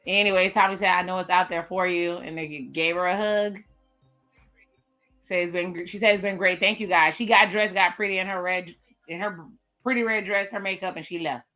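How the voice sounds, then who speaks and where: A woman's voice: fairly low pitch, fairly even intonation, fairly quick, sharp tone, faint music behind. A woman hosting a live reaction stream, casually recapping and commenting on a dating show. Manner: casual, recaps what cast members say, chatty asides. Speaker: reaction video host.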